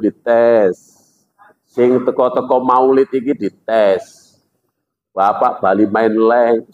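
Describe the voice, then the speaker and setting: Joking preacher, man. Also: mid-range voice. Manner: joking, animated, acts out characters. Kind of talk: humorous sermon with storytelling. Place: mosque gathering. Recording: dull lo-fi sound.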